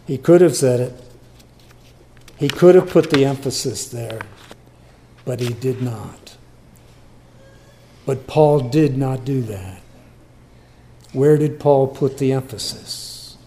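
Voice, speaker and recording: A male pastor preaching a sermon, repeating phrases for emphasis and swinging between loud stresses and hushed near-whispers. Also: medium pitch, slow pace, long pauses.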